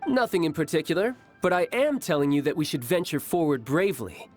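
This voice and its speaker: An actor playing a calm, proud young warrior who loves battle, in a video game, with music behind. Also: male voice, a little high, fairly quick, lightly acted. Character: bold battle-loving young male warrior.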